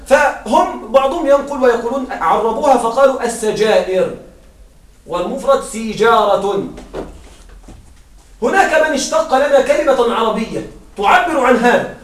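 A high-voiced male teacher explains a grammar lesson to a class, pausing to quiz his students and repeating himself as he goes. His voice is picked up from across the room. The classroom echo is strong. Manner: questioning students, repeats and restarts. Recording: roomy classroom sound from far off.

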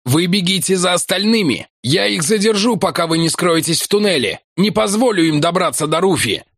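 A man's voice: sits high, lively intonation, brisk, fairly bright tone, no echo, clean studio sound, voice pushed up, exaggerated voice. A man voicing a brave male companion under fire, breathless, with clipped exclamations in a raised voice. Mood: urgent.

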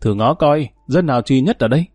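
A man's voice: medium pitch, lively intonation, fairly quick, a little mellow, dry recording, clean studio sound, lightly acted. A man reading an audiobook, voicing a boastful, brash male thug with a scarred face. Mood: cocky. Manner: cocky, brash.

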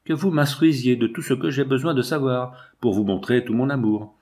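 A man's voice: medium pitch, normal speed, darkish tone, close to an everyday voice. A man reading as Élisabeth, imploring young daughter. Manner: earnest, imploring. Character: young woman, devoted pleading daughter in exile.

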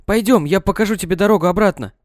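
A man voicing an eerie little ghost girl, a coaxing, insistent dark twin in a storybook. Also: sits high, quick pace, dry recording, clean studio sound, voice pushed up, close to an everyday voice. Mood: urgent.

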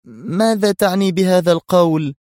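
A frightened young woman officer, her questions tight with worry, as a male narrator puts her on. The voice sits high and pleading. The recording is dry and close. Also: normal speed, a little mellow, no room sound, close to an everyday voice. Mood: worried.

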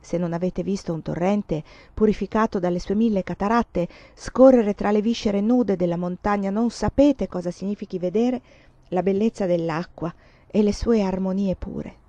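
Mellow woman reading a classic novel. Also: mid-range voice, normal speed, no room sound, muffled recording. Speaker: audiobook reader. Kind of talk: literary audiobook narration.

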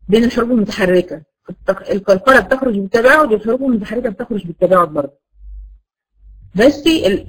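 An Egyptian woman teaching a class at a quick clip. She poses questions to her students and then supplies the answers herself. Her voice sits at a middle pitch. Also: a bit bright, rough recording. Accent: Egyptian Arabic. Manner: asks the class rhetorical questions and answers them. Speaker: Quran recitation teacher. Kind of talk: classroom lesson.

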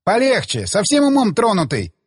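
Man putting on an excitable young man, raised high voice, indignant outbursts, husky, reverberant. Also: moderate pace, studio quality, exaggerated voice. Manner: exclaiming, indignant.

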